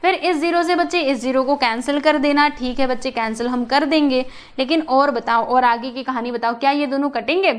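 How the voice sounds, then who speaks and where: A woman's voice: high voice, steady tone, brisk. A young woman teaching a math lesson in a chatty, coaxing way, often asking her students questions and mixing in English terms. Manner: mixes English terms into explanations.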